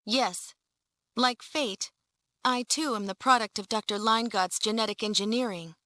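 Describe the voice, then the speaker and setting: A composed young heroine with a slightly high, bright voice. She speaks seriously and matter-of-factly in a dry, close sound, as in a sci-fi game. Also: unhurried, no echo. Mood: cool, serious. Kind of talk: dramatic video game voice acting.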